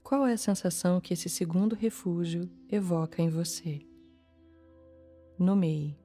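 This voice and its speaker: A Brazilian woman leading a guided meditation in a calm, soothing manner, leaving long pauses between short phrases. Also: lowish voice. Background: soft music.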